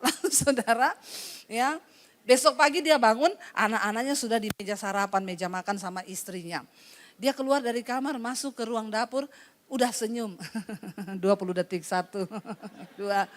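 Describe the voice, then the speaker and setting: A woman pastor preaching at a church service, telling animated stories, acting out the people in them and laughing often. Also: fairly high pitch, normal speed. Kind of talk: sermon.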